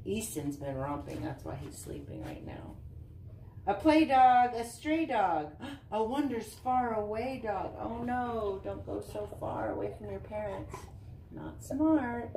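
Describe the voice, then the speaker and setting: In a living room, a volunteer reads a picture book aloud to children, slow, expressive, and singsong, breaking off for chatty asides. Her voice is medium-pitched, and a camera a short distance away picks it up with roomy, distant sound and faint noise.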